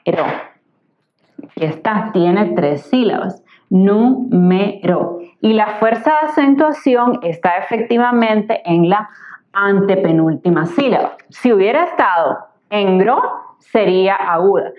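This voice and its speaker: A woman tutor giving a patient, explanatory grammar lesson, slowly sounding out words syllable by syllable. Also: mid-range voice, lively intonation. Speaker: Spanish tutor. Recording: slightly dull lo-fi recording.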